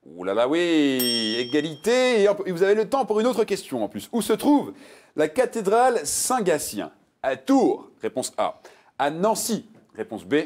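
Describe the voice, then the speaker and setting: A man's voice: a little high, moderate pace. A man hosting a television quiz show, reading multiple-choice questions and joking with contestants. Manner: playful, jokey, reads multiple-choice answers with lively emphasis.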